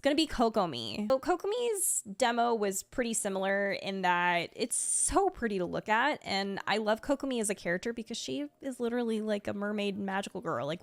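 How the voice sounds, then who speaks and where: A woman's medium-pitched voice, lively and fairly quick with vocal fry, comes through a dry recording. As a video creator and game streamer she ranks game trailers, chatting and rambling with gushing asides while faint music plays.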